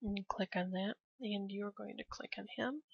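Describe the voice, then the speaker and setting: A woman casually narrating a game walkthrough step by step, relaxed and prone to laughing. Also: medium pitch, moderate pace, gravelly, husky, no echo. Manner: relaxed, laughs often, cheers at a blast. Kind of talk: casual gameplay commentary. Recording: dry, slightly dull lo-fi.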